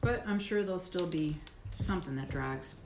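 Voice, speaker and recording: A woman's voice: fairly low pitch, moderate pace. A middle-aged woman chatting casually on a live stream while she cuts soap, rambling and talking between bites. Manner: chatty, rambling, talks while chewing and working. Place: home soap workshop. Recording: echoey room with clear background noise.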